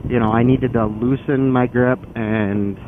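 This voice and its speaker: Male motorcycle vlogger, conversational and loosely rambling, mid-pitched voice, tinny narrowband sound with clear vehicle noise. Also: steady tone, a little slow. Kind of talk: casual explanatory vlog while riding. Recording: phone-like band, loud wind and engine noise. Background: loud vehicle and outdoor noise.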